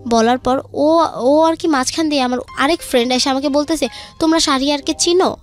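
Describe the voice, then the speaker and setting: A young woman with a Bangladeshi accent and a voice that sits high tells her own life story as a guest, a little fast, over music. She speaks colloquially and conversationally, recounting who said what turn by turn.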